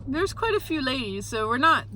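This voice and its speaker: A woman's voice: sits high, sing-song, normal speed, pushed and bright, slight background noise. A young woman vlogging in a casual chat, telling a story with frequent giggles. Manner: chatty storyteller, giggles between phrases.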